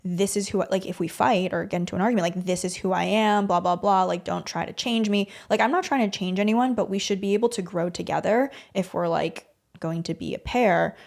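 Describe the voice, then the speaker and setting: A woman co-hosting a podcast in casual chat, animated and teasing, with many likes and ums. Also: mid-range voice, vocal fry. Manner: animated, teasing, fast filler-heavy talk. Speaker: podcast co-host.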